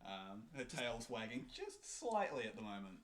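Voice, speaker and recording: A man narrating as game master of a tabletop role-playing game, slow and halting, with many ums. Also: lowish voice, sing-song, fairly bright tone, slight background noise.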